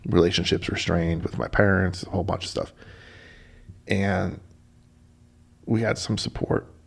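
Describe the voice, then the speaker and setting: A middle-aged man with a low, gravelly, somewhat husky voice tells a personal story on his radio show. He talks in a relaxed, animated way and acts out the conversations he quotes. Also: a little slow. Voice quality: deep gravelly voice.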